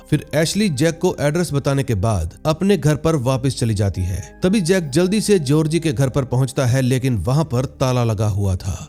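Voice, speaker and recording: A man with a mellow, medium-pitched voice narrates a scripted movie recap in a storytelling style. Background music plays under his voice throughout.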